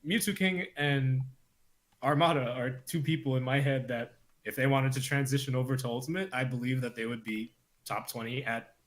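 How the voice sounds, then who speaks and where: A man in casual podcast chat about games. He circles around his point with lots of fillers and restarts. His voice sits at an ordinary middle pitch. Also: normal speed. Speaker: podcast co-host.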